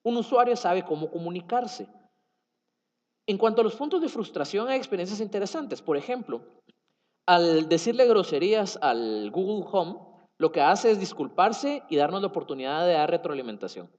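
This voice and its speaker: Speaking at a tech conference, a man with a Guatemalan Spanish accent explains his topic using fillers and correcting himself as he goes. His voice is high-pitched, animated and a little mellow, at a normal pace. The recording sounds dull, captured in a reverberant conference hall.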